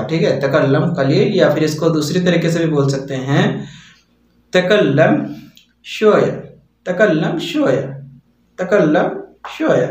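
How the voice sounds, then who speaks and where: Man teaching slowly in an echoey room. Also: a little high. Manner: repeats phrases slowly for learners. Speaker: Arabic teacher. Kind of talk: casual language lesson. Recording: echoey, distant, dull mic.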